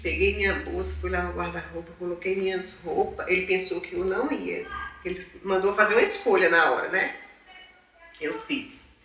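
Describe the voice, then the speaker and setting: A woman from northeastern Brazil recounts her life for a documentary, playing out old conversations as she goes. Her voice is bright and forward. It sounds far from the mic in a very echoey room. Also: fairly low pitch, moderate pace, a little hiss or hum. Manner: lively storyteller who acts out past conversations. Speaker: interviewed mother. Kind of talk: documentary interview storytelling.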